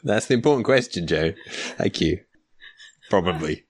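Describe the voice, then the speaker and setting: A man's voice: deep voice, expressive, moderate pace. A man chatting casually on a podcast, laughing as he describes food. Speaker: podcast guest.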